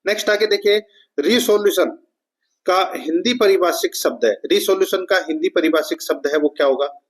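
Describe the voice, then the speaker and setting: A man's voice: sits high, moderate pace. Man walking students through an exam answer key. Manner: addresses viewers as friends, repeats key terms, steady explanatory flow. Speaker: exam coaching teacher.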